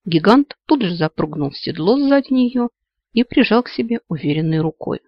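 A man narrating a fantasy story in an expressive storytelling manner. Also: high-pitched, normal speed, dry recording, highs cut off. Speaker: audiobook narrator.

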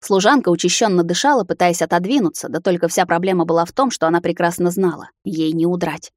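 A woman's voice: fairly low pitch, quick pace, dry recording, clean studio sound. A woman reading a romance fantasy novel aloud in a dramatic first-person narration. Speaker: audiobook narrator. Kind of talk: scripted narration.

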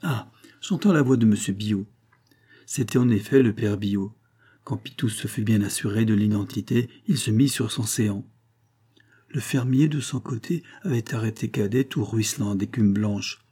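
A man reading an audiobook aloud in a measured, expressive narrating style. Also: on the low side, breathy edge.

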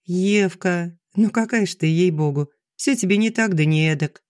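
A man reading an audiobook, voicing a gentle, soft-spoken aging schoolteacher who talks earnestly to her friend. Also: high-pitched, moderate pace, no room sound, clean studio sound, natural voice. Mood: mildly reproachful. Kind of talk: audiobook dialogue.

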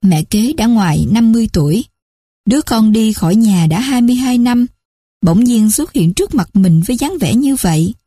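A woman narrating a story in a steady, measured reading. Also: fairly high pitch, breathy edge, dry recording, studio quality.

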